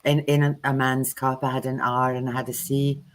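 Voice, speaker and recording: A woman's voice: very deep voice, little pitch movement, brisk. A woman who reads tarot, telling stories bluntly and chattily on a livestream over a video call. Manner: chatty anecdotal storyteller, blunt. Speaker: tarot reader co-hosting a livestream. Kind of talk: casual livestream chat.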